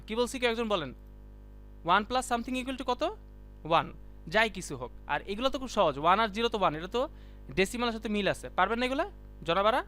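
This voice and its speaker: A high-pitched man with a bright, sharp tone teaching a live class. He talks casually and keeps calling on students to answer. Soft music plays faintly behind him. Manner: chatty, quizzes students by name; colloquial, keeps saying "done" and "see". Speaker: ICT teacher.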